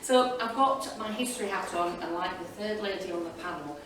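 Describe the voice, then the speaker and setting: A woman teacher on a panel shares informal, enthusiastic reflections with an audience, chatty and prone to rambling digressions. Her voice is fairly low and a little fast, captured by a distant mic in an echoey hall full of loud room noise.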